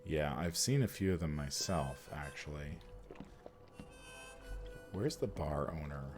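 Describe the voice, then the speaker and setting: A man's voice: extremely low pitch, expressive, measured pace, a little mellow, soft background music. A man casually commentating as he plays a video game. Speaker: gamer.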